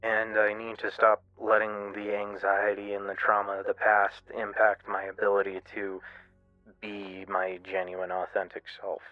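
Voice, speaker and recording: A man giving a candid, casual personal monologue as a streamer, in a halting, self-reflective way. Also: lowish voice, monotone. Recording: muffled, roomy lo-fi radio-like sound, music behind. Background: music.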